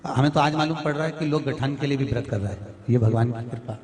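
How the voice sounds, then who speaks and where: A man's voice: mid-range voice, fast, a little mellow. A middle-aged man preaching a devotional sermon, exhorting his listeners and repeating phrases for emphasis. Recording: devotional music playing behind.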